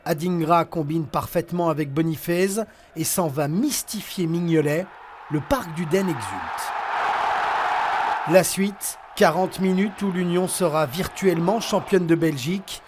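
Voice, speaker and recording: A man narrates a sports news report in a measured, dramatic way. His voice sits a little high. Faint noise hangs behind him.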